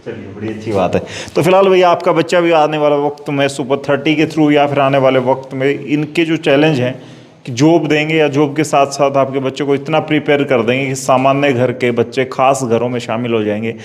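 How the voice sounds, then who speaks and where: A man's voice: mid-range voice, a little fast. Male reporter asking short questions. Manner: brief prompting questions, friendly interjections. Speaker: local news reporter. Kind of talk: on-location interview.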